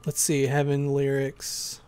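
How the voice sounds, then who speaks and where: A man with a hoarse voice chatting casually on a live stream, rambling and reading chat aloud. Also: medium pitch, completely flat delivery, slow pace, a little mellow, slight background noise.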